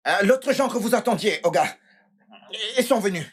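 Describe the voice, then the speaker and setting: A man voicing an eager young house servant in a French film dub, deferential and quick to report. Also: sits high, lively intonation, slight background noise, pitched above the performer's own voice. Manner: deferential, calls employer Oga.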